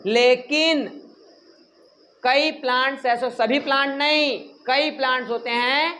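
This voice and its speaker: A male teacher, giving a classroom lecture in an animated, joking way and scolding students. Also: very high-pitched, slow pace, slight background noise.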